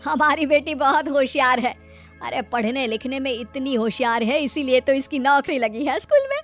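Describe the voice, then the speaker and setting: A nagging mother of a grown daughter, voiced by a woman, high in pitch and disapproving. She scolds and taunts in cartoon-story style over faint music. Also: expressive, moderate pace, a bit bright. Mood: insistent. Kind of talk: Hindi cartoon story acting.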